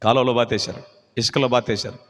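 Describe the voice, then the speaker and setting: A man's voice: medium pitch, steady tone, brisk, fairly bright tone. A man preaching a live sermon as a pastor, impassioned, firing off rhetorical questions and acting out voices. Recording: live hall with long reverb.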